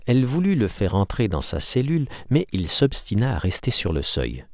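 Deep-voiced man reading a classic novel. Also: wildly swooping pitch, moderate pace, darkish tone, dry recording, studio quality. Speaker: audiobook narrator. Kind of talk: scripted literary narration.

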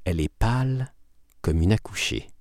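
A man reading a story aloud with lively, acted-out narration. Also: deep voice, normal speed, dry recording, studio quality. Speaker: audiobook reader. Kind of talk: expressive literary reading.

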